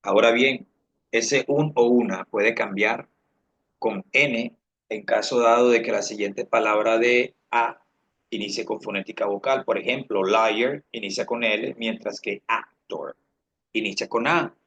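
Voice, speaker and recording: Husky, slow-spoken male teacher. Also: fairly low pitch, fairly bright tone, dull audio. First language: Spanish. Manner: repeats phrases slowly, switching between English and Spanish. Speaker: English instructor. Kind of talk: online English lesson.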